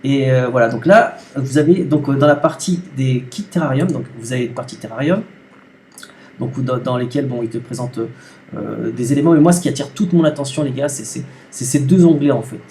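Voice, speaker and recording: A man's voice: medium pitch, brisk, a little mellow, slight background noise. A man hosting a casual unboxing vlog at home, chatty and slangy, often stumbling and restarting his sentences. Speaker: aquarium hobby YouTuber. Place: home living room.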